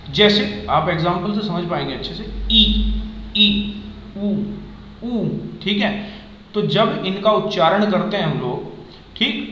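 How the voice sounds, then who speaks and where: A man with a high voice teaches a grammar lesson and says each example sound aloud. He keeps asking whether his students have understood. The recording is dull and lo-fi, with a roomy echo. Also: fairly bright tone. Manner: checks understanding with repeated questions. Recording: echoey, dull lo-fi room sound.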